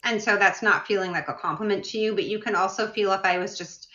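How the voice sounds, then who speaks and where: A woman in her forties tells a story in a relaxed, rambling way, peppering it with "like" and "you know." Her voice is bright and forward. The recording is roomy and a little muffled. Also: medium pitch, fast talker. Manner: storytelling, chatty with many fillers. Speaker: podcast co-host. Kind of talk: casual chat. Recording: roomy, slightly dull sound.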